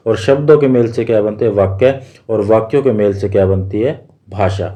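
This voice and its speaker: A man's voice: on the low side, normal speed, dark tone. A man teaching an exam-prep grammar lesson, asking questions and answering them himself, repeating each key point.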